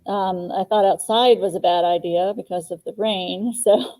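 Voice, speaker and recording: A woman's voice: mid-range voice, fairly even intonation, normal speed, dark tone. A woman co-hosting a casual video call from a large empty classroom, her voice echoing around the big hall as she chats and laughs often. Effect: echo of a big hall. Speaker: co-host, landscaping coordinator.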